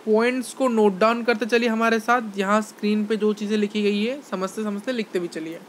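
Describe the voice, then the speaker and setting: Speaking briskly in a high-pitched voice with fairly even intonation, this male science teacher lectures students online against slight background noise. He repeats his explanations, quizzes the class, and blends Hindi with English phrases.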